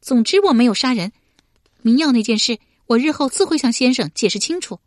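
A woman voicing a proud, quick-tempered young swordswoman who snaps back sharply in an audiobook. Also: fairly high pitch, lively intonation, no room sound, studio quality, pitched above the performer's own voice, natural voice. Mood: urgent. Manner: sharp, indignant retorts.

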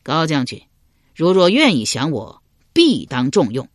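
A man's voice: fairly high pitch, wildly swooping pitch, no room sound, studio quality, heavily acted. A man voicing a crafty, calculating male barbarian chieftain. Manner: calculating, measured.

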